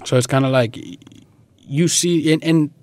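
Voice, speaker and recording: A young man from Guatemala answers questions in a casual interview, speaking informally with slang and leaning often on fillers like "like" and "you know." His voice is on the high side with a darkish tone, at normal speed, with no echo.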